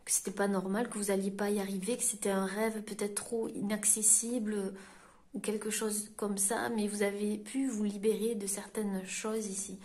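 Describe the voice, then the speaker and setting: A French woman works as a medium and gives a card-reading guidance to her audience. Her delivery is halting, full of pauses and restarts as she searches for the right words. Her voice sits at an ordinary middle pitch. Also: little pitch movement, a little mellow. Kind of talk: tarot-style guidance reading to camera.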